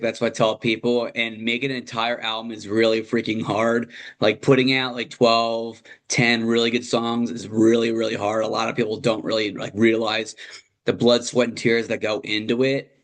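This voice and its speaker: A man interviewing a musician in a relaxed, encouraging, conversational way. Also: mid-range voice, moderate pace. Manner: laid-back, encouraging, conversational. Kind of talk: casual interview chat.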